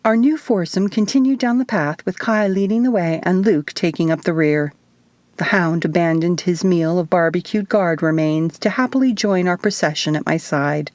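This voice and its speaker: A woman reading her own novel aloud as audiobook narration, in a steady storytelling manner, close to the mic. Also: on the low side, no room sound. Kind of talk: first-person audiobook narration.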